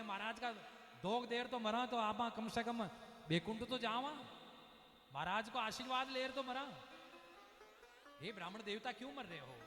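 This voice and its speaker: Man doing old forest sage, kindly, drawn-out Sanskrit calls, high voice, echoey hall. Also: pushed and bright. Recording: echoey hall with faint music.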